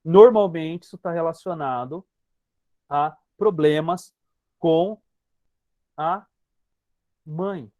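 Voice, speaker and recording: A man with a Brazilian Portuguese accent talks through a lesson for an online group session, pitched fairly high. The sound is dry and close, as on a video call. He is emphatic and keeps addressing his listeners directly. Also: takes it slowly, long pauses, mellow, dry recording. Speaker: hypnotherapist.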